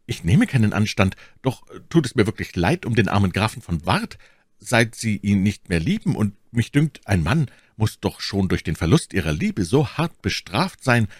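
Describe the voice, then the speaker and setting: A man's voice: on the low side, sing-song, moderate pace, slightly rough, dry recording, studio quality, pitched above the performer's own voice. A man voicing a gallant, earnest young swordsman who speaks in a courtly, pleading way in an audiobook. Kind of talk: audiobook character voice.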